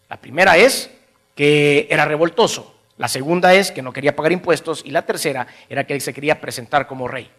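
With a voice on the high side, a man delivers an animated sermon, putting questions to his congregation and chuckling between phrases.

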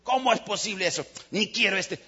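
Fawning, greedy male beggar acted by a man, high and husky, loud flattery that sours into petty grumbling. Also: fairly quick, muffled recording, full character voice. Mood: indignant grumble. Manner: loud pleading praise, then petty grumbling.

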